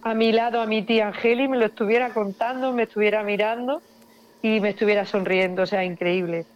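A woman's voice: medium pitch, fairly even intonation, a little fast, lo-fi sound. A woman from Spain, a paranormal investigator, telling a personal story with feeling and repeating words for emphasis.

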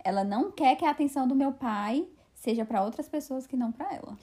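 A young woman co-hosting a casual podcast, relaxed, chiming in and adding details. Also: high-pitched, brisk. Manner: relaxed, chimes in and adds details. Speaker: podcast co-host. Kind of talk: casual chat.

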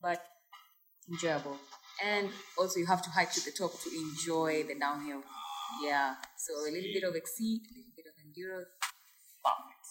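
Kenyan woman chatting, slightly low voice. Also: a little fast, noisy background. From Mombasa, Kenya. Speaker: enduro rider, guest. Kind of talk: casual conversation.

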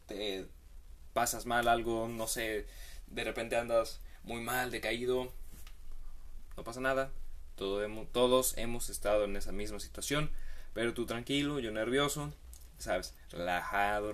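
A man's voice: mid-range voice, a bit bright. A man hosting a comedic monologue, giving rambling, slangy advice with playful asides.

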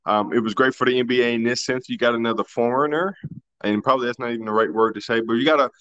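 A man's voice: mid-range voice, fairly even intonation, quick pace, a bit bright, dry recording. Colloquial man on a dull mic. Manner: loose, colloquial, many restarts. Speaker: sports podcast co-host. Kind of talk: casual sports chat.

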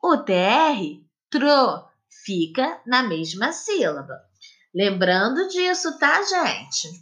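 A woman teacher, giving a lesson to children and dictating words slowly. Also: on the high side. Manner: slow, lively, drawn-out dictation of words. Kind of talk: recorded classroom lesson for children.

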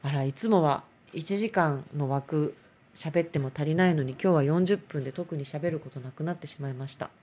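Middle-aged woman, low voice, rambling self-mocking solo chat. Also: normal speed, warm tone. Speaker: solo talk show host and dancer.

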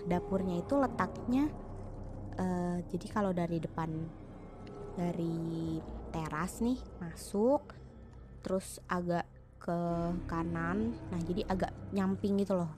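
A young woman, casually telling a ghost story in a chatty, slangy way, full of restarts and fillers. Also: lowish voice. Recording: music playing underneath.

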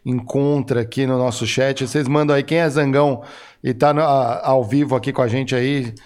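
A man's voice: mid-range voice, steady tone, normal speed, a little mellow, clean tone. A man hosting a podcast, asking questions in a casual, chatty way. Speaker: podcast host. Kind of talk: podcast interview.

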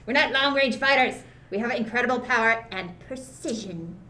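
A woman voicing a defiant young hero in an amateur fan dub, shouty and comic. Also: fairly high pitch, moderate pace. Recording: roomy echoey sound.

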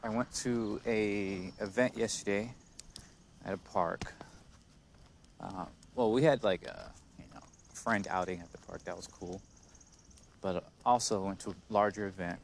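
A man hosting a casual, reflective solo podcast in a halting, hesitant way, pronouncing his r's like w's. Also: on the low side, fairly even intonation, gravelly. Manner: says w for r, soft r sounds; hesitant, halting, with frequent chuckles. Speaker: podcast host. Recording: noticeable background noise.

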